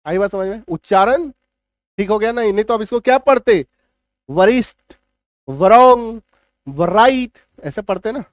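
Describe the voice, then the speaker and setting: Male teacher, high voice, dry close sound, drills each rule and checks understanding. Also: moderate pace, no echo. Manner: emphatic, repeats rules and asks "clear?". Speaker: English teacher. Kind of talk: classroom-style spelling lesson.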